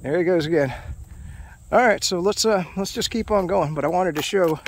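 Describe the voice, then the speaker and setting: Middle-aged man, rambling trail vlogger, slightly higher voice, walking outdoors with the camera. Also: normal speed, slight background noise. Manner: rambling, chatty, many fillers and restarts. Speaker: vlogger narrating a hike. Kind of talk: casual hiking commentary to camera. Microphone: handheld action camera, off-screen narrator.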